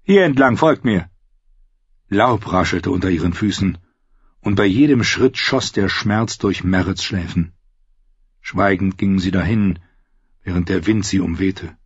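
A man reading a fantasy audiobook in an even storytelling manner. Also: low voice, unhurried, husky, dry recording. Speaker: audiobook reader. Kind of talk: scripted fantasy narration. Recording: dull lo-fi recording.

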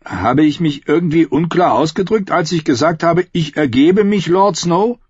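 A man's voice: a little high, normal speed, a little mellow, breathy edge, no echo, voice pushed up. A man voicing a friendly, grizzled male veteran fighter who mock-complains wryly, in a raised voice, on a slightly dull lo-fi audiobook recording.

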